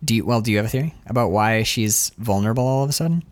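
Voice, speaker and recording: Racing along in a lowish voice, this podcast co-host talks films casually and animatedly, dropping casual swears and performing characters' lines in changing voices.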